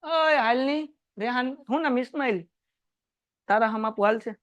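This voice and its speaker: A man's voice: very high voice, moderate pace, a bit bright, clear, resonant tone, dry recording, highs cut off. A male math teacher, giving a chatty classroom lecture, quizzing his students and telling anecdotes.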